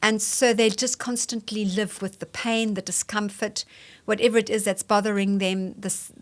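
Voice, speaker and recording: A woman from Zimbabwe speaks as a guest on a podcast, telling her story about fitness and coaching. Her voice sits in a middle range. She talks in an animated way and lines up short, repeated phrases when she builds a point. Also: mid-range voice, moderate pace. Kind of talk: conversational interview.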